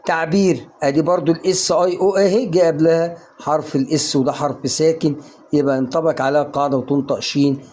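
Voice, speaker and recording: Egyptian arabic accent, young man, online pronunciation teacher, lively question-and-answer drilling, slightly high voice, mellow tone. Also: fast. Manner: energetic, coaxing, asks and answers his own questions. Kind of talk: online lesson to viewers.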